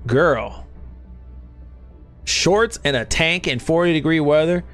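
Over soft background music, the same kind of streamer talks slowly in a slightly high, expressive, fairly bright voice. He's a thirtysomething Arkansan with a light Southern drawl, gaming from a room at home and bantering lazily with his Twitch chat, cursing freely.

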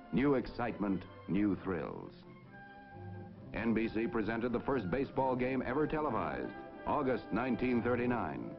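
Male announcer, 1950s broadcast narration, stately and declamatory, low voice, muffled old film soundtrack. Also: creaky.

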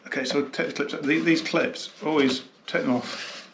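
A man's voice: a little high, steady tone, normal speed, vocal fry, echoey room. A man who runs a hi-fi shop, chatting casually while he unboxes gear, thinking aloud, sometimes drifting off the mic. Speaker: hi-fi dealer. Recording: noisy room tone with clicks.

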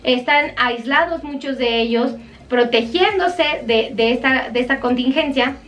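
A woman doctor with a Mexican accent speaks in a high, bright voice, earnestly pleading with viewers as she gives health advice on a live stream. She sits a bit back from the microphone, so her voice sounds slightly distant.

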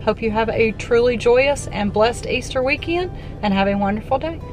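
A woman's voice: on the high side, lively intonation, normal speed, over music. A middle-aged woman hosting a cooking channel, chatting casually and talking through prices and meal plans, filmed at arm's length in a parked car. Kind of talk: casual vlog chat.

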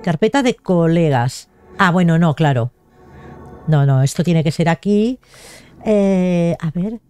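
A woman's voice: fairly low pitch, animated, takes it slowly, dark tone, clean tone, faint music behind. A young woman giving casual, chatty gameplay commentary and talking to herself as she plays. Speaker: gaming video host.

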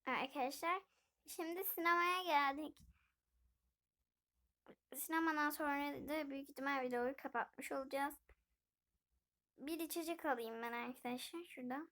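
Playing a life-sim game, this gaming video host chats casually and keeps speaking directly to her viewers. She has a bright, high voice with a forceful tone, speaks at a moderate pace, and leaves long pauses.

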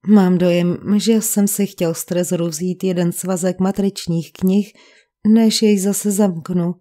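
A woman's voice: mid-range voice, dark tone, close to an everyday voice. A woman reading the part of a fussy English village vicar who speaks in a precise, cold and sarcastic way.

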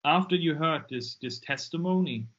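A man's voice: fairly high pitch, normal speed, fairly bright tone. Interview guest: German-accented man, 40s, emphatic and repetitive, muffled video-call audio. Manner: emphatic, repeats words when pressing a point. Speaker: guest, deliverance minister. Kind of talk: casual interview talk. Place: dim room indoors. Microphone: earbuds on a video call.

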